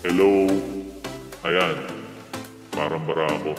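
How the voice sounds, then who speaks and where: A man talking through a sound card's voice changer that pitch-shifts him very deep, demonstrating its presets. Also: steady tone, takes it slowly. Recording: echoey long reverb over loud music.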